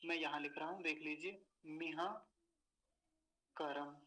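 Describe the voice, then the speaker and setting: A patient man teaching pronunciation, repeating each word slowly syllable by syllable. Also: on the high side, fairly bright tone, slight background noise, poor audio. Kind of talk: slow pronunciation lesson.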